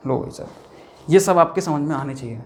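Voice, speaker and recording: A man's voice: fairly high pitch, brisk, slight background noise. A man teaching a chemistry lecture, talking conversationally and asking questions he then answers himself. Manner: conversational, asks and answers his own questions, says 'bhaiya' and 'theek hai' often. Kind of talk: whiteboard lecture.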